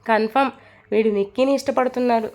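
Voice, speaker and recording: Woman playing a drowsy young guy, teasing, soft and low-key, mellow, storybook. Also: fairly even intonation, fast, natural voice. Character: sleepy teasing young man, a roommate.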